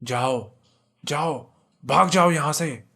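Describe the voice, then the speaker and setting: A man voicing a frightened young wife who cries and pleads as she shouts. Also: fairly high pitch, slow pace, creaky, heavily acted. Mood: urgent.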